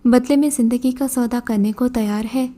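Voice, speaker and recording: A woman's voice: a little high, fairly even intonation, dark tone, lightly acted. Woman narrating a scornful old jinn beggar. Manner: scornful, commanding. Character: mocking old male jinn posing as a beggar.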